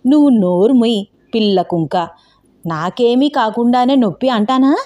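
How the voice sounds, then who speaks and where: A woman voicing a bossy, scheming grandmother in her seventies who scolds loudly and talks slyly. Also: medium pitch, lively intonation, normal speed, lo-fi sound, lightly acted. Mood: shouting complaints. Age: over 60. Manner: shouting, scolding, sly.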